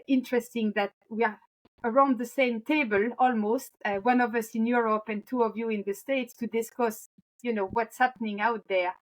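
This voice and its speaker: A woman food scientist answering interview questions in a measured, thoughtful manner, pausing often with "um" and "uh". Her voice is somewhat higher than average for a woman. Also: low-quality recording. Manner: measured and thoughtful, with frequent pauses. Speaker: podcast guest, food scientist. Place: Europe.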